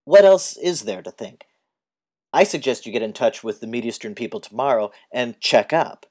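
A man's voice: medium pitch, lively intonation, normal speed, darkish tone, natural voice. A man reading the lines of a gangling, sardonic older man in an audiobook, with a brusque and wry delivery. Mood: dry, wry.

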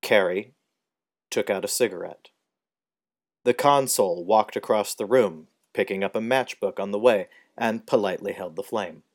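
Male audiobook narrator, somewhat low, calm measured storytelling.

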